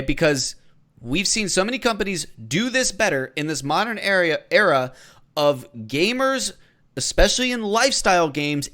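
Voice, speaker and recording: A man's voice: high-pitched, fairly bright tone. A man co-hosting a casual podcast discussion, blunt and opinionated, stretching out words for emphasis. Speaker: podcast co-host.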